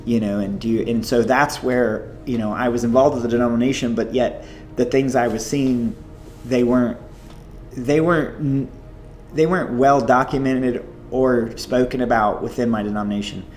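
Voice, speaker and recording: A man, a missionary guest, telling stories in an interview in an animated, chatty way full of "like" and "you know". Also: medium pitch, normal speed. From United States. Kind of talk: storytelling interview.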